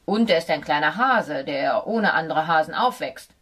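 A gruff male dog from a children's storybook, as a woman reader puts him on, speaking in a lowish, firm voice. He explains things in a lecturing, slightly superior way, as if everyone ought to know already. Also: lively intonation, normal speed, fairly bright tone. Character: know-it-all male dog, a bit condescending. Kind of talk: audiobook character voice.

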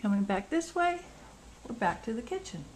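In a sing-song voice pitched on the high side, a rental host tours a house at a normal speed, moving room to room indoors. She keeps her descriptions short and casual. A handheld camera's built-in mic picked it up, leaving the recording noisy.

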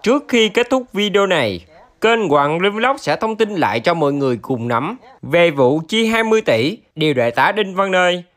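A man's voice: high voice, sing-song, moderate pace, fairly bright tone. A man reading scripted news narration for an online channel in a formal manner.

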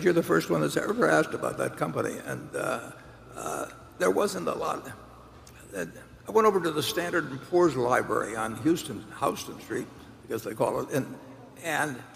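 An older man with a deeply gravelly voice answers audience questions from a table on stage. He rambles, restarting sentences and filling gaps with "uh", and his words ring out across a large reverberant hall with a faint hum of ambience. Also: fairly bright tone. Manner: rambling with many restarts and uh fillers. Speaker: chairman answering shareholder questions. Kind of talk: unscripted Q&A answers.

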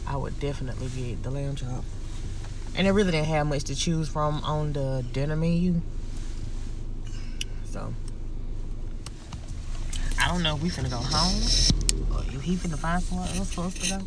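A woman's voice: low voice, moderate pace, pauses often, background noise. A woman, chatting casually in a car about a dinner date. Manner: relaxed, chatty, Southern US slang like y'all and finna. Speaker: vlogger. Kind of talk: casual vlog chat. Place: inside a car.

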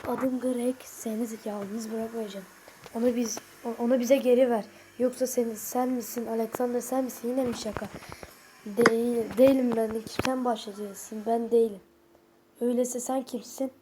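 A woman's voice: a little high, little pitch movement, moderate pace, background noise. A young woman with a stuffy nose reads a horror chat aloud to her viewers, swearing bluntly and casually as she goes. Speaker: vlogger.

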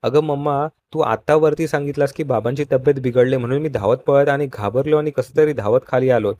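A man's voice: medium pitch, a little fast, warm tone, natural voice. An eager young man, surprised and touched, exclaims his way through his lines, read by a male narrator. His voice stays close to everyday speech.

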